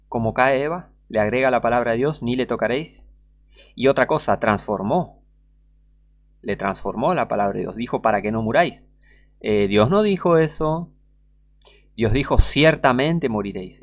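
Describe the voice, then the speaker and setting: A man preaching a fiery sermon, scornful and full of rhetorical questions, swinging between loud outbursts and hushed asides. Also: medium pitch, vocal fry.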